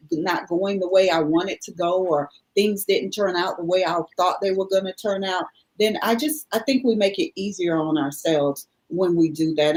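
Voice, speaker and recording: A woman's voice: fairly low pitch, darkish tone, rough recording. A woman guest speaking earnestly in a reflective, motivational conversation, repeating favorite sayings for emphasis.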